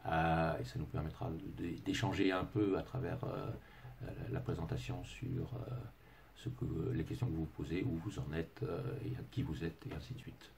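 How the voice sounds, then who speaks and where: A man's voice: deep voice, flat delivery, moderate pace, gravelly, darkish tone, a little hiss or hum. A middle-aged man with an English accent, speaking French as a second language, gives a webinar presentation as a consultant. He talks hesitantly, with many filler sounds and restarts, and slips in dry, self-mocking humor. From England.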